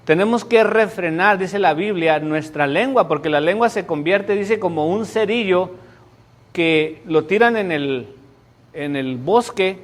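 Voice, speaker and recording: Pastor, man, middle-aged, high-pitched, dramatic sermon delivery. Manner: emphatic, dramatic storytelling. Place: church sanctuary before a congregation.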